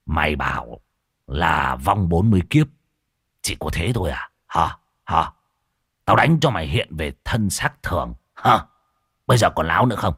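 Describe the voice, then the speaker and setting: A man voicing a stern, menacing young male exorcist in a ghost story, growling threats in a low voice. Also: expressive, normal speed, long pauses, fairly bright tone, breathy edge, no room sound, clean studio sound, full character voice. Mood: cold.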